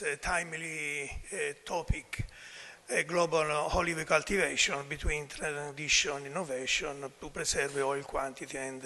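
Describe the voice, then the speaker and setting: Older man, weak low-volume voice, bright timbre, halting academic talk, long hall reverb. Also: a little hiss or hum. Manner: halting delivery in non-native English. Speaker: conference speaker, professor. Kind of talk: academic presentation.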